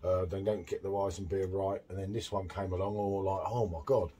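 A middle-aged man chatting excitedly while reviewing a beer at a home bar, full of tag questions. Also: sits low, fairly quick, husky. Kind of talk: casual beer tasting chat.

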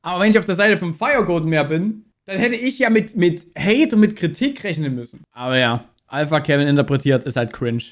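A young man with a high voice rambles through reaction commentary in loose slang. He talks into a boom mic in a small streaming room, headphones on. The talk is casual and drifts from point to point. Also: lively intonation, brisk, hardly any pauses. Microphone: boom mic on arm, wearing headphones.

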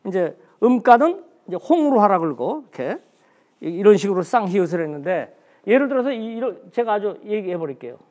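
A man's voice: high-pitched, very animated, brisk, a little mellow. A man giving a special history lecture in a blunt, colloquial way, asking himself questions and answering them.

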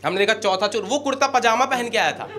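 A man with an Indian accent doing animated stand-up comedy storytelling on stage and acting out the quoted lines. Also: high voice, fast. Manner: animated, acts out quoted lines, addresses the crowd directly. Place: comedy stage before a live audience. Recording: live show with loud crowd laughter and noise. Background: loud audience laughter.

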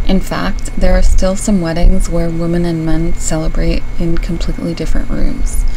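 A woman host narrates a scripted true crime story in a steady, low, fairly monotone voice. Her delivery is measured and earnest, and she explains things point by point. A clear layer of background noise sits under the recording. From Syria.

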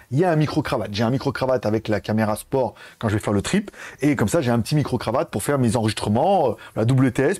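Chatty guy doing a quick review vlog, talks fast, restarts his sentences a lot, voice bouncing up and down, lapel mic. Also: on the high side, a little mellow. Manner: chatty, rambling, corrects himself mid-sentence. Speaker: tech reviewer. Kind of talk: casual product review vlog. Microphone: wireless lapel mic.

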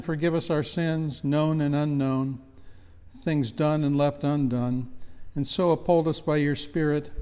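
An older man reads intercessory prayers in a slow, reverent, measured way. His voice is mellow and slightly raised, and it rings out with the long reverb of a church sanctuary. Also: fairly high pitch, clear, resonant tone. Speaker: prayer leader. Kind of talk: liturgical prayers of the people. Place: church chancel, indoors.

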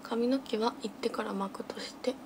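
Young female streamer, casual and absent-minded, murmuring fragments at home into a phone with clear background noise. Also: fairly high pitch, fairly even intonation, normal speed. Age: young adult. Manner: absent-minded muttering in short fragments to herself and viewers. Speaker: live streamer. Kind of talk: casual livestream chat while doing makeup. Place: small room at home, indoors. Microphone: phone at arm's length.

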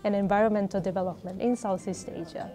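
A young woman from Japan, a research fellow speaking slowly and deliberately on camera. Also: medium pitch, steady tone, music in the background. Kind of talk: introducing herself on camera.

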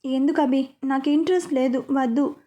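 A woman's voice: sits high, brisk, warm tone, lightly acted. Woman reading as a tearful young daughter. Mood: listless.

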